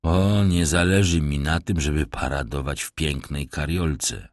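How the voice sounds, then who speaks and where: A man voicing a sly, menacing old vagabond in an audiobook, speaking in a low, ironic, threatening drawl. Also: measured pace, dry recording, clean studio sound. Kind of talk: audiobook character voice.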